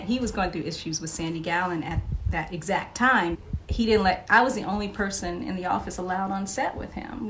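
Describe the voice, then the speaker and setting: Guesting on a podcast, a female author shares stories casually, full of energy, frequent laughter and lots of filler words. Her pitch sits in the middle range, and there's a slight bit of background noise.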